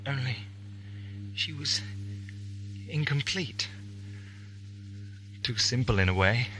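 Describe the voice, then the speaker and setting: A man acting anguished eccentric adventurer, piercingly bright voice, theatrical, brooding, self-blaming, audio drama, faint tape noise. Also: on the low side, slow. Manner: theatrical, brooding, swinging into bitter outbursts. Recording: faintly noisy 1980s amateur audio tape.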